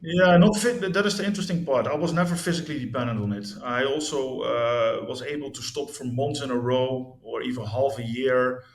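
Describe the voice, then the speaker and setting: Speaking fairly quickly at a medium pitch with hardly any pauses, a fiftysomething Dutch man tells his story in a candid interview. He's hesitant all the same, restarting often and using many fillers, and the recording has an echoey room sound.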